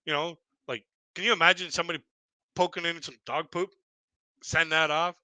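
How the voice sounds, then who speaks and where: Bright-voiced man in his fifties doing stand-up. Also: a little high, steady tone, moderate pace, no room sound. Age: 50s. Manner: rambling, chuckles at own jokes, many fillers. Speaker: stand-up comedian. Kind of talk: casual live-stream stand-up.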